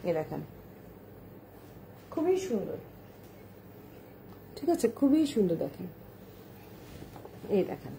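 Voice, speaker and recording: A woman's voice: mid-range voice, sing-song, takes it slowly, pauses often, mellow, slight background noise. A woman showing shawls on a live stream, chatty, repeating herself and urging viewers to look closely, slipping English words into her speech. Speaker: online shawl seller. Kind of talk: live-stream product showcase.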